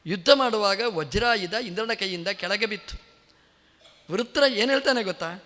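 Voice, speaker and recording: High bright-voiced male preacher. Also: moderate pace. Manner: animated storytelling with rhetorical questions to the audience. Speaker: religious leader giving a discourse. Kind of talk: devotional sermon storytelling. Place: temple hall. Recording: echoey temple hall.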